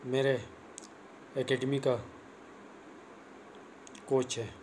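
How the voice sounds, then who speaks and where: A young man who vlogs as a cricket coach gives a plain, repetitive, earnest bowling tutorial in a small room, talking casually into a clip-on lapel mic with a phone camera close by. His mid-range voice barely moves in pitch, has a darkish tone, and comes out extremely slowly. There's a little hiss or hum.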